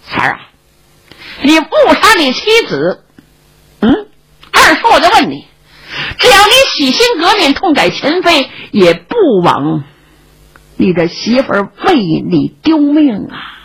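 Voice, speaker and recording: A woman's voice: high-pitched, wildly swooping pitch, unhurried, long pauses, a bit bright, pitched above the performer's own voice, exaggerated voice, poor audio. A woman voicing a stern old male knight who lectures and pleads earnestly. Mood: stern pleading.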